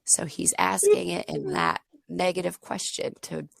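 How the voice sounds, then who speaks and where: Teaching a child English over a video call, a woman patiently models each sentence slowly and clearly. Her slightly hoarse voice is gravelly and creaky, fairly low and fairly even in pitch. The sound is close and dry with no echo, like a video-call microphone.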